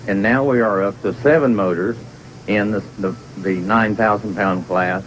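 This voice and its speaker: A man's voice: on the low side, steady tone, moderate pace, slight background noise, low-quality recording. A man, a tractor pulling competitor, explaining the sport in a plain, methodical interview manner. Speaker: champion tractor puller, interview guest. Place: inside a fairground museum building.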